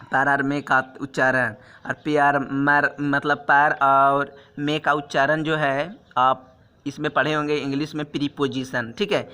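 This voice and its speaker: A man teaching grammar in a casual spoken lesson, reading out wrong and correct words and sentences, often saying "okay" and slowing down to spell out each correction. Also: mid-range voice, little pitch movement, bright, forceful tone, clean tone. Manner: repeats "ठीक है" constantly, slows to spell out corrections.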